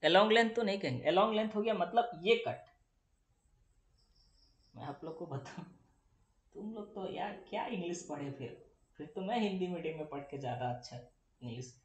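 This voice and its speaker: A man's voice: sits high, expressive, moderate pace, pauses often. A young male physics teacher, lecturing chattily and answering his own questions for the students. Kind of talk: classroom lecture. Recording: echoey room.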